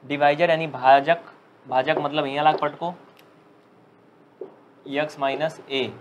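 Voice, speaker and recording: Man, maths teacher, joking, chatty, slow dictation, faint background hiss. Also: fairly high pitch, steady tone, muffled recording. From India. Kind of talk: live online maths class.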